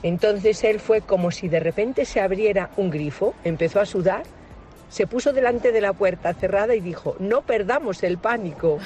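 A man's voice: high voice, normal speed, mellow, highs cut off, soft background music. A man, a radio listener, telling a short anecdote in a plain, dry storytelling manner.

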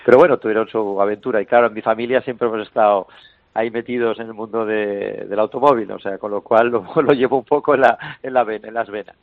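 A man calls in to a radio show, his fairly low voice squeezed through a narrow, dry phone line. He explains in long, meandering turns full of fillers and self-corrections. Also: fairly even intonation, fast, dry recording. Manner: explanatory, many fillers and restarts, chuckles now and then. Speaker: interview guest explaining a vehicle.

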